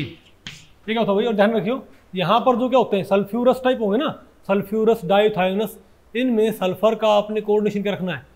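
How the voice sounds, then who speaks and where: A man teaches a chemistry class in a fairly high voice. He talks his students through each step by asking them questions, and he catches and corrects his own slips as he goes. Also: darkish tone. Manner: keeps asking students questions, often says "bhai"; corrects himself mid-sentence. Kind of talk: Hindi classroom lecture.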